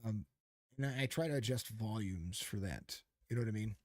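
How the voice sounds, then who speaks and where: Speaking close to the microphone, this race commentator hosts a relaxed podcast and rambles forcefully about calling races, restarting often and leaning on fillers. His lowish, darkish voice moves fairly quickly with no echo, and he describes it as a radio voice.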